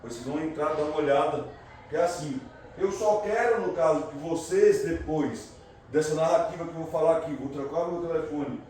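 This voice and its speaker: A tired man lecturing students, leaning hard on the filler "no caso" and demanding answers from the room. His voice sits a little high for a man. He is heard from a distance in a very echoey classroom with steady noise behind him. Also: fairly quick. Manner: constant filler "no caso", calls for audience answers. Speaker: recruiter speaking to students. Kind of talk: motivational talk to a class.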